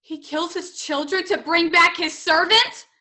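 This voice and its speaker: A woman's voice: very high voice, fairly even intonation, a little slow, pushed and bright, exaggerated voice. A woman playing an incredulous, appalled sidekick to a storyteller in a comic stage play.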